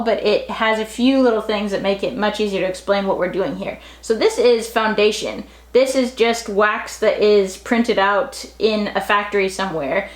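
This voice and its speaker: A woman's voice: on the high side, fairly bright tone, reverberant. A woman vlogger giving a casual, upbeat how-to demonstration, explaining each step. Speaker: homesteading vlogger.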